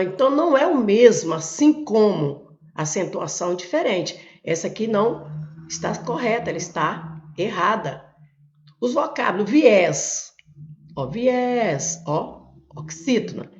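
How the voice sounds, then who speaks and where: A Brazilian woman teacher working step by step through exam questions, pointing things out with frequent "ó" and "olha". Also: mid-range voice. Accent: Brazilian Portuguese. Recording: echoey room, dull lo-fi sound.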